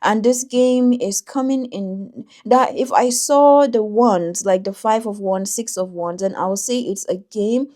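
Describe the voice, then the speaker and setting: A woman doing a tarot reading for viewers, talking in a thoughtful, intuitive way with frequent pauses and restarts. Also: mid-range voice, dark tone. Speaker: tarot reader.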